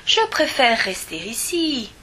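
A woman voicing a small, kind and caring girl character in a children's story, speaking gently. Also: on the high side, sing-song, takes it slowly, heavy background noise. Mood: cheerful.

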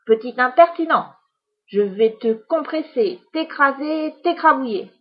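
Cast a woman as a spiteful, grandiose witch who hurls insults with theatrical relish. The voice sits high and a little husky, slow and deliberate. Recorded with a slightly dull sound. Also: expressive. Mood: furious. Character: boastful furious female witch, grandiose and spiteful. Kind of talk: storybook reading.

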